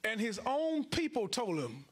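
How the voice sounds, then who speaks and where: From a lectern on a church stage, a middle-aged man from Chicago and Houston preaches to his congregation through a handheld mic, colloquial and emphatic with repeated phrases. His high voice moves at a measured pace with big swings in pitch.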